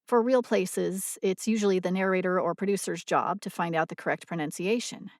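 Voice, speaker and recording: A woman narrating a scripted audio blog in a measured, explanatory reading voice on a close mic. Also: fairly low pitch, fairly even intonation, a little mellow, no echo.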